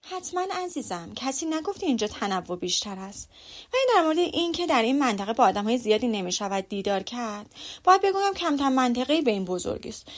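A woman's voice: on the high side, big pitch swings. A woman reading an audiobook, voicing a fussy, boastful middle-aged mother who gushes and prattles. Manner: gushing and prattling.

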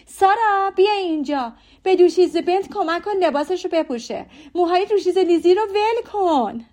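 A woman voicing an excitable, fussy middle-aged mother in an audiobook, calling out shrilly and in a rush. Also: a little high, close to an everyday voice. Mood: frantic.

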